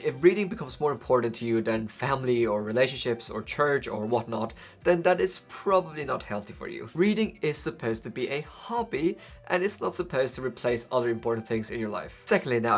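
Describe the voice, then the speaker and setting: A young man with a medium-pitched voice hosts a book channel, talking to the camera about books. His first language is Faroese and he has a Faroese accent. His style is conversational, and he often asks rhetorical questions.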